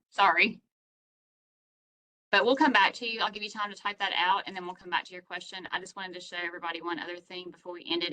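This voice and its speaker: A woman's voice: fairly low pitch, pushed and bright, poor audio. A woman hosting online office hours, explaining grant application rules over a video call in a conversational, step-by-step way.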